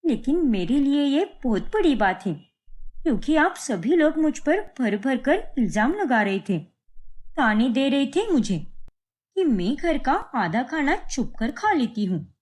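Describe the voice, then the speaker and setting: A woman voicing a stubborn, loud young woman from a poor family in an animated cartoon, with a shrill, insistent delivery. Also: unhurried.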